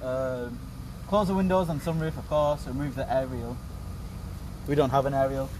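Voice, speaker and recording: A man's voice: mid-range voice, normal speed. A young man, chatting casually in a car at a car wash and reading instructions aloud, caught on a phone. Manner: lively, reads instructions aloud. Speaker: friend of the vlogger. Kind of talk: casual chat. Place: inside a car at a drive-thru car wash. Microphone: phone camera. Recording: noisy car wash background. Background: car wash noise.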